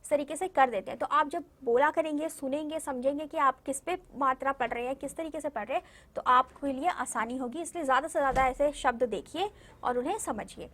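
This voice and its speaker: A woman's voice: high-pitched, fairly bright tone. A young woman teaching a Hindi lesson to young children in an online video, patiently repeating words and often checking that the children understand. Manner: patient, repeats words slowly and drills vowel signs. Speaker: primary school Hindi teacher.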